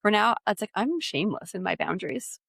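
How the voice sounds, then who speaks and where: Gravelly earnest woman coach. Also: medium pitch, animated, fairly quick, no echo, studio quality. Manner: warm, affirming, earnest. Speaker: guest, motherhood coach. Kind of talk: conversational interview.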